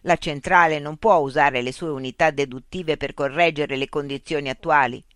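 A man's voice: fairly high pitch, steady tone, normal speed, fairly bright tone, clean tone, no echo, studio quality, close to an everyday voice. A narrator voicing a frustrated man who argues with a machine in an exasperated, insistent way. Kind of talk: audiobook character voice.

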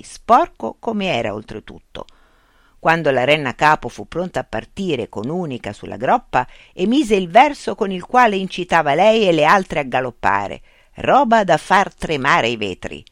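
An audiobook narrator telling a fairy tale with animated, expressive phrasing. The pitch moves widely through each sentence, and the voice sits close in a dry, dead sound. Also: no echo.

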